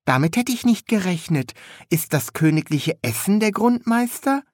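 A bright, high-pitched young apprentice lad, eager and chatty, full of naive questions. The voice leaps well above a normal man's speaking pitch and bounces with lively swings. It sounds keen and talkative. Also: normal speed, dry recording, clean studio sound.

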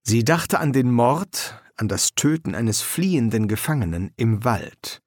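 Slow gravelly guy reading an audiobook, voice rises and falls a lot. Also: medium pitch, no room sound, clean studio sound. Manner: measured, expressive storytelling. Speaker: audiobook narrator. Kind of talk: scripted narration.

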